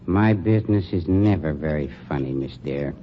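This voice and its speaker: A very deep male voice at a moderate pace belongs to an actor cast as a menacing yet suave undertaker who owns a funeral home. It's a 1940s radio drama, delivered with cold politeness and drawn-out phrasing, heard through muffled sound with faint hiss.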